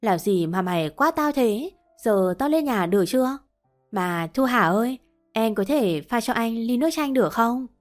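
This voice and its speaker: A woman's voice: on the high side, lively intonation, normal speed, soft background music, close to an everyday voice. A woman voicing an easygoing young man who jokes and teases in a romance story. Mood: teasing. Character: teasing, easygoing young man, the husband's friend.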